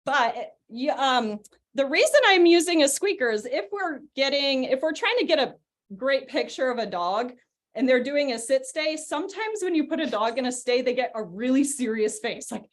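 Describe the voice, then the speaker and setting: A young woman with a high voice leads a live online dog training session. She explains each step in a friendly, chatty way and giggles often. Her voice comes through a video call. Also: expressive, moderate pace. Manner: chatty, giggly, gives short cues to a dog.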